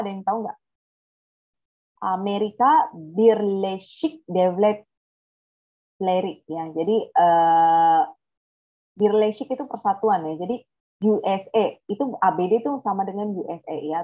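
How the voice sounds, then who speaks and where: A woman's voice: mid-range voice, highs cut off. A woman teaching a Turkish vocabulary lesson, thinking aloud and correcting herself as she goes. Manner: thinks aloud, corrects herself, checks words mid-sentence. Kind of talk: online language lesson.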